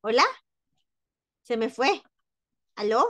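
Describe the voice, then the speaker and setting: A woman teaching a French class to Spanish-speaking students over a video call, patient, slowly repeating words and explaining pronunciation. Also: a little high, expressive, bright, forceful tone, dry recording, studio quality.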